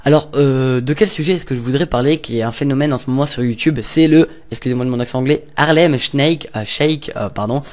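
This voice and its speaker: Speaking briskly with hardly any pauses, this young man has a mid-range voice and works as a gaming YouTuber. His casual gameplay commentary is rambling and hesitant, packed with fillers and small jokes.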